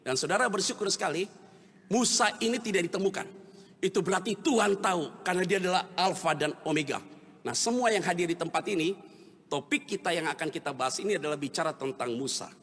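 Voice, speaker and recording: A male pastor preaching a sermon in a casual, animated way, dropping to soft asides and rising to loud emphasis, with playful acted examples. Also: high-pitched, fast, slight background noise. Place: large church hall. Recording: long church hall reverb.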